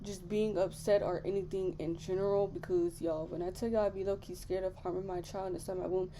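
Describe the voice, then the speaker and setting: A woman's voice: lowish voice, level tone, brisk, warm tone, a little hiss or hum. A young woman, chatting candidly to her viewers in a casual vlog, full of fillers. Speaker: vlogger. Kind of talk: casual chat.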